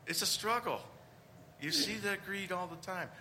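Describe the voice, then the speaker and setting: A man's voice: high-pitched, normal speed, sharp tone, slight background noise. A man preaching a conversational homily, with rhetorical questions and emphatic points.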